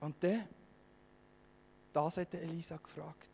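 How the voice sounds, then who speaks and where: Fervent Swiss German preacher, high voice. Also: male voice, fairly even intonation, a little slow, vocal fry, long reverb tail, slight background noise. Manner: fervent, swings between hushed and loud. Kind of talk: sermon.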